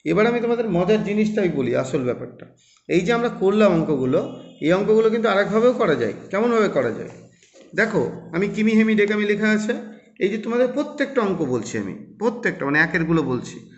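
A man's voice: high-pitched, big pitch swings, brisk. A man teaching children arithmetic, explaining patiently step by step and asking and answering his own questions. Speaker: math teacher. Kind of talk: classroom math explanation for children. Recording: roomy, dull lo-fi recording.

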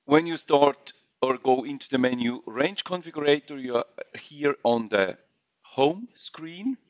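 Slow, halting man giving a webinar. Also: mid-range voice, lively intonation, dry recording, highs cut off. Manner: halting non-native English with fillers and restarts. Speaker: software trainer. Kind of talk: webinar screen-share walkthrough.

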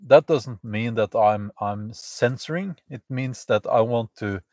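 Slow, halting man live from the woods. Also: mid-range voice, darkish tone, no echo. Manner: halting, many fillers and restarts. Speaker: channel host. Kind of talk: live stream chat to viewers. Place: outdoors in the woods at a campfire.

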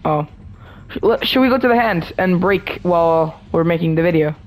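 A woman hosting a casual gaming chat, excitable and chatty, talking in slangy gamer lingo. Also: lowish voice, moderate pace, poor audio. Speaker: gaming channel host.

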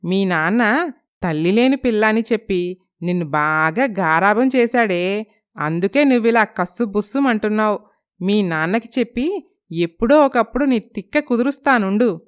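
A woman voicing a sharp-tongued, playful old grandmother in a storybook, scolding and teasing. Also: medium pitch, expressive, moderate pace, clear, resonant tone, lightly acted. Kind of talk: storybook narration.

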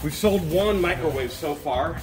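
A man in his thirties hosting a vlog, talking excitedly and joking while he opens boxes in a metal storage unit, handheld camera nearby. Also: fairly high pitch, moderate pace. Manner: eager, joking, talks while working with his hands. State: sweating. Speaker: vlog host. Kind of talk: excited casual chat while unboxing.

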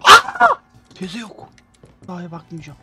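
A young man streaming gameplay, swinging between loud, profane outbursts and low mutters, and talking to his chat. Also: animated, fast talker, loud music behind the voice. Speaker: gaming streamer. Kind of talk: live gameplay commentary.

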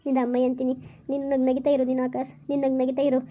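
A woman's voice: high voice, monotone, quick pace, warm tone, muffled recording. A woman playing a young woman who is eager to marry a grieving man, coaxing and impatient. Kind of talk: village skit acting.

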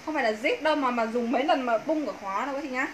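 A woman in her thirties with a Northern Vietnamese accent, giving a persuasive, emphatic sales pitch on a clothing livestream. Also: rapid-fire. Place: small indoor clothing shop room. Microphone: phone a few steps away. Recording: roomy echo, faint background noise.

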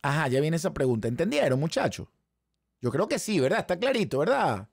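A Venezuelan man, hoarse, runs a live trading class. His voice sits a little high but carries a gravelly fry, with a dry, close sound. He keeps checking in with his audience through quick rhetorical questions. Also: no room sound. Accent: Venezuelan Spanish. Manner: animated, talks straight to the chat audience with frequent rhetorical questions. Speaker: trading instructor. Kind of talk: live-stream trading lesson.

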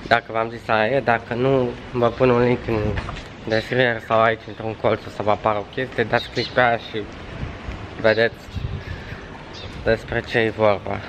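A man's voice: on the low side, flat delivery, background noise. A young man in his twenties from Romania, vlogging casually and joking as he walks around outdoors, filming himself at arm's length. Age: 20s. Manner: chatty, joking, sarcastic asides. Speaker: travel vlogger. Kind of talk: casual vlog narration. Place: outdoors in a city street and residential complex. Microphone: camera held at arm's length.

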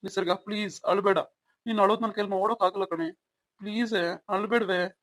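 A performer plays a young husband in a home-made audio drama, devoted but quick to flare up. He coaxes and asks over and over, then snaps. Dry, close sound with no room. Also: medium pitch, steady tone, fairly bright tone, no echo, close to an everyday voice. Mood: pleading. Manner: coaxing, repeats questioning "hmm?". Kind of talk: amateur Kannada audio drama.

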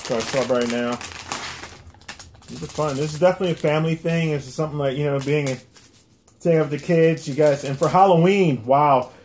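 Higher-voiced American man chatting casually. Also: fairly quick, a little mellow. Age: middle-aged. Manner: repeats phrases as he goes. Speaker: food review host. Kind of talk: casual chat. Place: small room indoors, at a table. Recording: clear background noise and clicks.

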